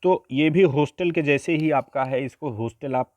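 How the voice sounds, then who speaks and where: A man's voice: on the high side, moderate pace, a little mellow, dry recording, lo-fi sound. A man teaching an exam-prep grammar lesson, explaining step by step and often asking rhetorical questions.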